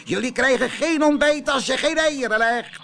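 A man voicing a bossy, strutting rooster who barks shrill commands in a storybook reading. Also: measured pace, bright, forceful tone, heavily acted.

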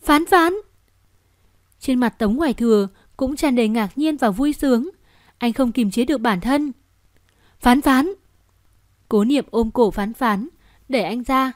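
Fairly high-voiced woman narrating a novel. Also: moderate pace, darkish tone, dry recording, clean studio sound. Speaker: audiobook narrator. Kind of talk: scripted narration.

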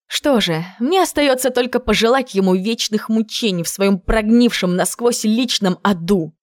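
A woman reading a first-person audiobook in an emotive, measured way. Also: medium pitch, dry recording, clean studio sound. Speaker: audiobook narrator. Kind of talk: first-person scripted narration.

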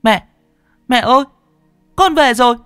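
A man's voice: very high voice, expressive, a little slow, a bit bright, clear, resonant tone, no echo, clean studio sound, soft background music, pitched above the performer's own voice, exaggerated voice. A man voicing a frightened young boy who has run home crying to his mother.

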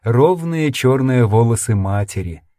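A man's voice: mid-range voice, expressive, a little slow, warm tone, no room sound, clean studio sound. A man reading a first-person sci-fi audiobook in an intense, dramatic storytelling manner. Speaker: audiobook narrator.

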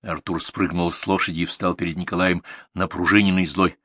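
A man reading short stories aloud as an audiobook narrator, in an expressive storytelling manner. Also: low-pitched, brisk, dry recording, clean studio sound. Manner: expressive, story-telling delivery. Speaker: audiobook reader.

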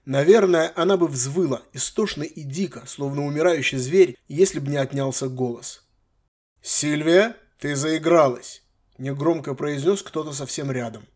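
Male audiobook narrator, measured, expressive, slightly high voice, fantasy novel.

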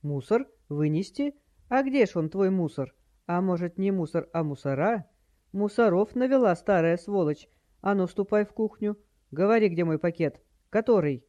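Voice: medium pitch, lively intonation, normal speed, dark tone, lightly acted. A narrator voicing an impatient male criminal who talks in an irritable, barking way. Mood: angry.

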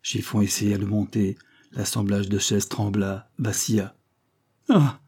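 A man reading a novel aloud in steady scripted narration. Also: lowish voice, unhurried, slightly rough. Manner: steady storytelling. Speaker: audiobook reader.

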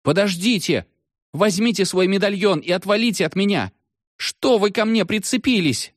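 A man voicing a scared, rude seventh-grade schoolboy in an audiobook, shouting in a frantic panic. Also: sits high, normal speed, no echo, clean studio sound, pitched above the performer's own voice. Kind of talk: audiobook character voice.

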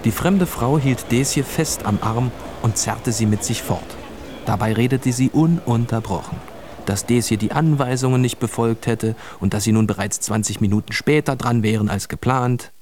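A man narrating a children's radio story in a calm, scripted storytelling manner. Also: medium pitch, normal speed, slight background noise.

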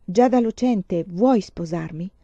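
A woman reading aloud voices a tender, earnest young man in love, with a warm and earnest manner. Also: mid-range voice, takes it slowly, no echo. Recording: dull lo-fi, dry.

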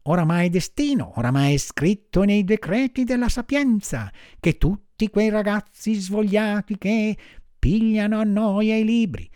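A man voicing a kind little female marmot in an audiobook, speaking in a soft, sorrowful, consoling way. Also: sits high, animated, measured pace, no room sound, clean studio sound, voice pushed up.

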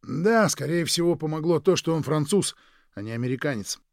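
A man voicing a worldly man who tells stories in a lively, animated way in a storybook reading. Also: a little high, brisk, no echo, studio quality, pitched above the performer's own voice.

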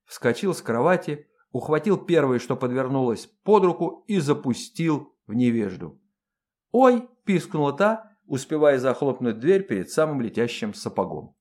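A male audiobook narrator with a mid-pitched voice. His storytelling delivery is colloquial and expressive, with pitch rising and falling in a lively way. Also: normal speed, few pauses.

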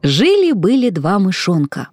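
A woman narrating a children's fairy tale with expressive storytelling. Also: mid-range voice, a little slow.

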